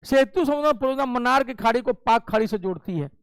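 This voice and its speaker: A man's voice: extremely high pitch, expressive, fast talker, clear, resonant tone, dry recording. A male teacher giving an exam coaching lecture, explaining step by step and checking in often with his class. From Bihar. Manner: explains step by step with frequent "ठीक है" check-ins.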